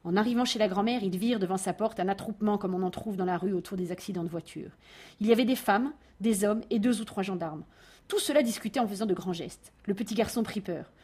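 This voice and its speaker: A woman reading a children's tale aloud, with expressive, animated narration. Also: medium pitch, quick pace, husky. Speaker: storyteller.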